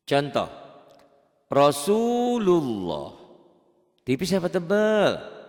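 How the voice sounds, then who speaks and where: A man gives a casual beginners' lesson in Quran recitation. His lowish voice swings widely in pitch as he chants slow, drawn-out examples. A long reverb trails after his words. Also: darkish tone. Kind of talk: online tajwid lesson for beginners.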